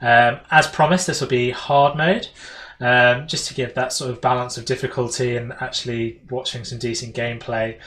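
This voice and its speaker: A man's voice: medium pitch, steady tone, moderate pace, fairly bright tone, distant mic, slight background noise. A man with a British accent giving casual, rambling, self-deprecating gameplay commentary as a let's play host. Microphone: home gaming voice-over mic.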